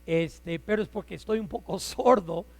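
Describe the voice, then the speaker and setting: Loud man preaching. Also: high voice, normal speed, no room sound, big-room sound. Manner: loud, with frequent "este" fillers and light humor. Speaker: guest preacher. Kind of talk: sermon. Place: church sanctuary.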